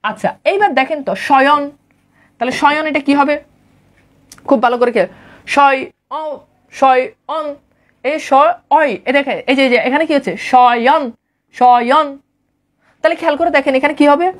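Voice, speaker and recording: Woman, high voice, grammar lecture, repetitive drilling, quizzes listeners. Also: a little fast, long pauses. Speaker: grammar teacher.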